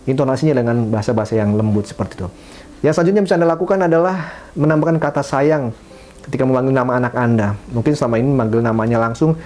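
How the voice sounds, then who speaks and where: A middle-aged hypnotherapist with a medium-pitched, darkish voice gives a talking-head parenting advice lesson. He often uses fillers and restarts and acts out example phrases.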